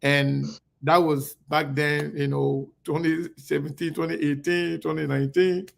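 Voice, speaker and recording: Gravelly-voiced male interview host. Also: a little high, level tone, a little slow. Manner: hesitant, friendly, with fillers. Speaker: show host. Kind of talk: interview conversation.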